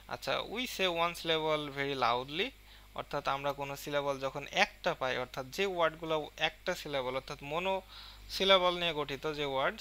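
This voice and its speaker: Bengali-accented guy teaching english, bright clear voice, slow on the english bits, lots of uh and um. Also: on the high side. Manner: reads English lines slowly, then explains in Bengali with fillers. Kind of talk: explaining a lesson.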